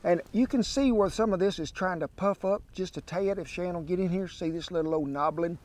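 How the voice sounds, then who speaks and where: A man's voice: high voice, brisk, darkish tone. A man in his sixties with a Southern US accent, hosting an outdoor camp cooking demonstration in a folksy drawl on a lapel mic. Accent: Southern US (Oklahoma). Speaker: cooking show host. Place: outdoor ranch camp by a pond, windy. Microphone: wireless lapel mic.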